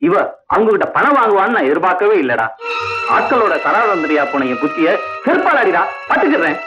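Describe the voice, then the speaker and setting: An actor playing an angry, ashamed father-in-law accusing his son's wife, over loud music on a dull recording. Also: sits high, sing-song, a little fast.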